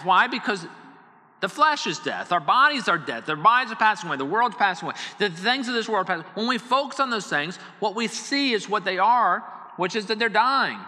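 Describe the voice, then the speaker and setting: A man's voice: high-pitched, bright, forceful tone. A middle-aged man, a pastor, preaching a sermon in an earnest, conversational way with many repetitions. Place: church hall. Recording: long reverb of a large hall.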